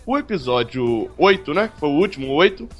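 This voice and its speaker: A man's voice: a little high, big pitch swings, a little fast, soft background music. A man co-hosting a podcast in casual, teasing banter, repeating phrases for emphasis. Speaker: podcast co-host.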